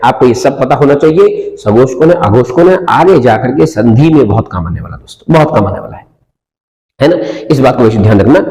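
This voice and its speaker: Lively, echoing male grammar teacher. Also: medium pitch. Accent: Hindi from north India. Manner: explains step by step, repeats key terms, asks and answers his own questions. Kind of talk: classroom grammar lesson. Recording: roomy echoing classroom with long reverb.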